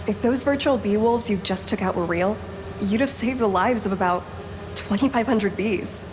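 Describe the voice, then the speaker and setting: An actress playing an enthusiastic research scientist in a video game, explaining in an encouraging way. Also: female voice, medium pitch, normal speed, noisy background, natural voice. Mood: pleased.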